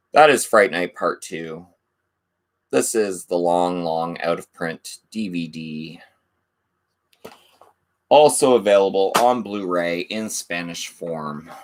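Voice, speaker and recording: A man running a casual video channel reads DVD back covers aloud and chats about his collection. He mentions he's losing his voice, tossing off low-key asides in a fairly bright tone.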